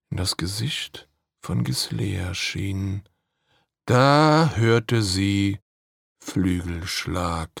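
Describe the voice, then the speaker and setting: A man telling a fairy tale in slow, measured narration with hushed dramatic pauses. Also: on the low side, vocal fry, slightly rough, dry recording, studio quality. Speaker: storyteller.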